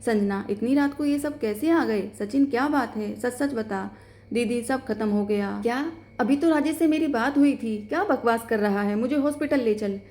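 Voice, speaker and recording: A woman's voice: fairly high pitch, measured pace, darkish tone. A woman voicing a grieving young wife, tearful and anxious, in a story reading. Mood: panicked.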